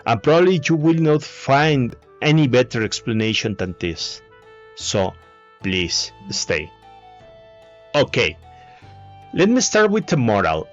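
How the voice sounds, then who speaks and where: A man speaking English as a second language with a Spanish accent, giving a halting solo talk full of fillers and restarts. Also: mid-range voice, very animated. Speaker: video essayist. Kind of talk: casual monologue. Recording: dull lo-fi mic with faint music.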